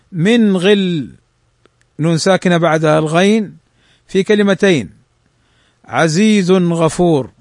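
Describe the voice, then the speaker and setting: A man teaching the rules of Quran recitation. He reads the rules quickly and draws the examples out slowly. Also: high voice, no room sound, clean studio sound. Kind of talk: tajweed lesson explaining a text.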